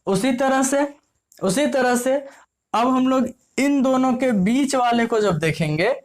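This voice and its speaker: Chatty woman teacher, slightly high voice. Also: darkish tone. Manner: repeats "ठीक है" often, asks and answers own questions. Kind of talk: casual classroom explanation.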